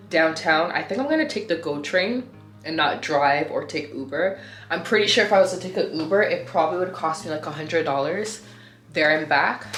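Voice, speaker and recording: A young woman chats casually to the camera in a vlog, rambling and correcting herself as she goes. Her voice sits low with a fairly bright tone, a sore throat makes her sound slightly nasal, and the sound is roomy.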